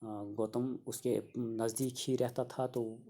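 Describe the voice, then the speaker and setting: A gravelly, mellow-toned man in middle age teaches a children's reading lesson. He keeps a level, unvaried delivery and repeats each idea in plainer words so young pupils can follow. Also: mid-range voice, level tone. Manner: repetitive, restates each sentence simply for children. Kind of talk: explaining a school reader lesson.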